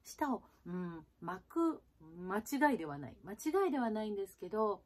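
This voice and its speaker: A woman's voice: mid-range voice, very animated. Woman from Japan, jazz singer and pronunciation teacher; friendly, chatty video-lesson delivery. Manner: chatty, with frequent fillers and soft tag particles; slow, drawn-out sound demonstrations.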